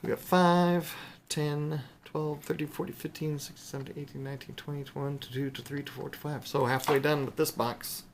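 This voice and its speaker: A man with a fairly high voice and steady tone talks fairly quickly to viewers as a hobbyist host, with slight background noise. His unscripted chat is casual and rambling while he shows items, thinking aloud as he goes.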